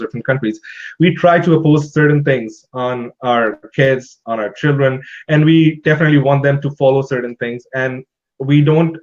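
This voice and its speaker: Agreeable male host of mid pitch, halting and filler-heavy, on a slightly muffled live stream. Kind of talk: online talk show interview.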